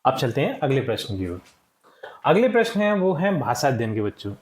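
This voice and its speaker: A male teacher walking young pupils through textbook answers, saying each word slowly for them to repeat and often checking in with "ठीक है". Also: mid-range voice, very animated, darkish tone, roomy sound. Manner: slow and deliberate, checks in with frequent "ठीक है". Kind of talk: classroom lesson walkthrough.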